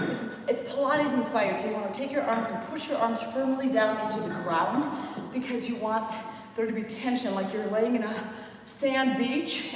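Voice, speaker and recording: A woman leading a workout as fitness instructor, upbeat and encouraging, counting reps aloud. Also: on the high side. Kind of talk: workout coaching. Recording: echoey, distant mic, faint noise.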